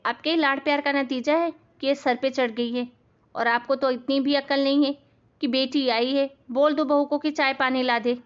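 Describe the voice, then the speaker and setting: A woman voicing a spoiled, bossy young married daughter in an animated family story, snapping and shouting orders. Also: sits high, moderate pace, highs cut off, close to an everyday voice. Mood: angry. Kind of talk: animated cartoon voice acting.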